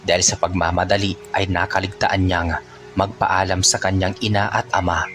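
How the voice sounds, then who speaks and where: A man narrating a folk tale in a steady, unhurried storytelling manner. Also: deep voice.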